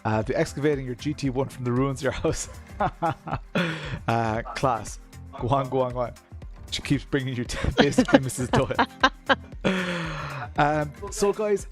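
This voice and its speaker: Irish streamer with a west of Ireland accent. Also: male voice, mid-range voice, expressive, moderate pace, soft background music. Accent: Irish, County Kerry in the west of Ireland. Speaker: live stream host. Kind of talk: casual chat with stream viewers, reading comments.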